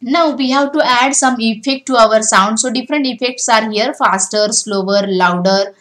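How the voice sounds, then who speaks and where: At normal speed and with a slightly high, fairly bright voice, a woman guides beginners through a coding lesson over a screen recording. She explains step by step, often leading with "now," in a low-quality recording.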